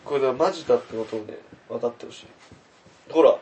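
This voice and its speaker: A man's voice: mid-range voice, quick pace, a little mellow, a little hiss or hum. A man co-hosting a podcast in casual chat, telling a story with animation and frequent laughter. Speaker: podcast co-host.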